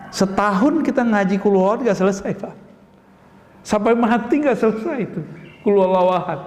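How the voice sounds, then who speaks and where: Man, preacher, high voice, conversational sermon, rhetorical questions, reverberant mosque hall. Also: a little mellow. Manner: conversational, addresses audience as Pak, rhetorical questions. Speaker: Islamic preacher.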